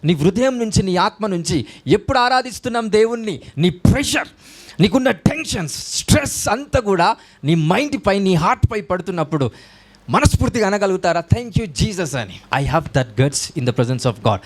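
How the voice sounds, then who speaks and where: A man preaching a sermon as a pastor, breaking into raised shouts of hallelujah. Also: high-pitched, lively intonation, normal speed. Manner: preaching in Telugu mixed with English, with rising shouts of hallelujah.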